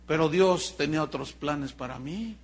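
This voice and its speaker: A man with a Mexican accent preaching a sermon as pastor, telling Bible stories with animated delivery and joking asides to the congregation. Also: fairly high pitch, normal speed.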